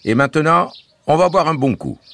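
Man putting on a loud, breezy canal keeper. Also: fairly high pitch, animated, moderate pace, no room sound, voice pushed up. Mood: eager. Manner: exclamatory, loud and coaxing. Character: cheeky, breezy male canal keeper, adult.

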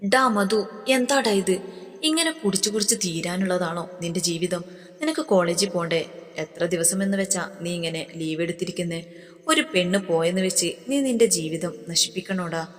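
A woman's voice: on the low side, normal speed, natural voice. A woman voicing a young man firmly lecturing his heartbroken friend, in a storybook reading. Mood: scolding. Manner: firm, lecturing. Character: young male friend, firm and scolding. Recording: long reverb.

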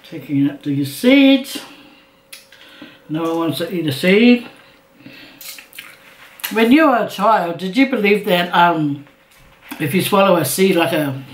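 A middle-aged woman chatting casually as a mukbang host, talking between mouthfuls with appreciative hums. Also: fairly low pitch. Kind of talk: casual chat while eating. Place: indoor room at a table. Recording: roomy echo, clinking dishes.

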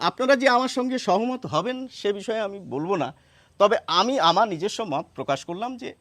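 High, lively male teacher. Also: no room sound. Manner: explains step by step, asks rhetorical questions; repeats words slowly to show pronunciation. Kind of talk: lesson.

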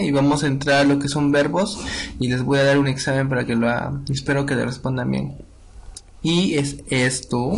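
Young man, language teacher, steady explanatory delivery. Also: a little high. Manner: reads dialogue lines aloud slowly and repeats them. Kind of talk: online language lesson.

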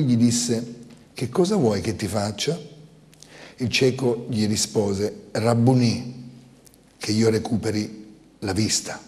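A man preaching a sermon as a pastor, reading scripture and then building his points with emphatic, repeated phrases. His voice sits at a middle pitch. It echoes with the long reverb of a church hall. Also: a little mellow.

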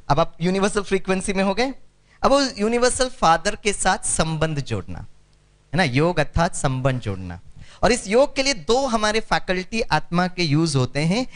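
A man from Kerala, giving a spiritual lecture to an audience, mixing Hindi with English and calling for responses. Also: on the high side. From Kerala, India. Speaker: meditation speaker.

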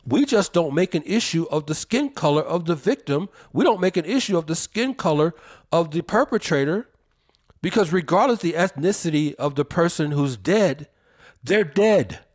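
Emphatic man with a higher voice. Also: animated. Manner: emphatic, preacherly, drawn-out stresses. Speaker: podcast co-host. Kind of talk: opinionated podcast commentary.

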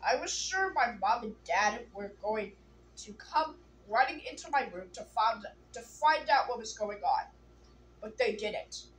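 A woman reading a children's book aloud in a plain, unhurried way, with small restarts. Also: on the high side, expressive, a bit bright, a little hiss or hum, rough recording. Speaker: storybook reader.

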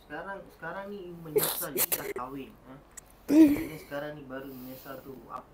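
A man's voice: on the high side, very animated, a little fast, creaky, low-quality recording. A man, an ex-husband at a healing session, reproachfully confronting his former wife and repeatedly demanding answers. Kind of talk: confronting, emotional talk. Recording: loud background noise.

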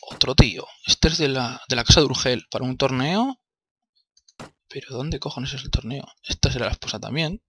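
A young Spanish man with a medium-pitched, a bit bright, animated voice commentates his own gameplay at a moderate pace in a let's play. Exasperated, he grumbles, swears often and talks to himself, with a little hiss or hum in the recording.

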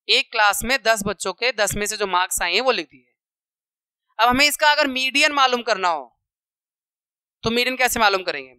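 A male maths teacher talks through a lesson for children, working through numbers out loud and stopping often to check that they follow. His voice is bright and very crisp. The sound is dry and close, with no room echo. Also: high-pitched. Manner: counts aloud, checks in with "okay".

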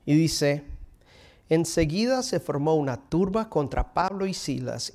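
Animated preacher man, higher voice. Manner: animated preaching, dropping to near whispers for emphasis. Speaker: pastor. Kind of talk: sermon. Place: stage in front of a curtain, indoors.

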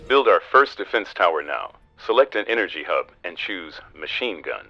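An actor playing a steady, pragmatic spaceship captain, giving serious military briefings in a scripted game. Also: male voice, low-pitched, normal speed, highs cut off, faint music behind, full character voice. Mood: instructive. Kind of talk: scripted game mission dialogue.

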